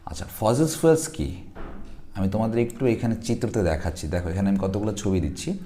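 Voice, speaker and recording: A man's voice: lowish voice, a little fast, warm tone. A man teaching an exam passage in a chatty way, often stopping to check that students follow. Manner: conversational, frequent check-ins and fillers. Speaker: English teacher. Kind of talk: exam lesson explaining a passage.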